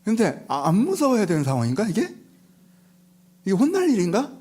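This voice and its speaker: A male pastor giving a lively, conversational sermon, telling the story with rhetorical questions and acting out the people in it. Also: high-pitched, a little fast, slightly rough. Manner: animated storytelling, acts out disciples and Jesus, rhetorical questions. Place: church sanctuary.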